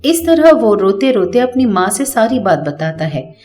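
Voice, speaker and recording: A woman narrating a cartoon story from a script, in a plain, even storytelling way. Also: fairly high pitch, measured pace, soft background music.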